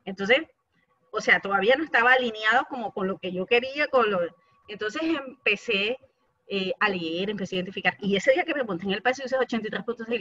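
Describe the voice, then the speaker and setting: A talkative woman tells her personal story on a video call, bright and forward in tone. The sound is dry and a little dull. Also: mid-range voice, no echo. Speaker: participant giving a testimony. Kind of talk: casual video-call testimony.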